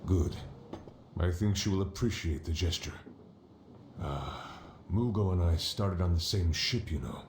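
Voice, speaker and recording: Gruff old sea dog for a game, low voice, kinda mournful, echoey with music under. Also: male voice, a little slow, darkish tone, a little hiss or hum. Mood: reflective. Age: older. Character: gruff old hard-drinking sailor, weary and mournful. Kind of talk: video game dialogue acting.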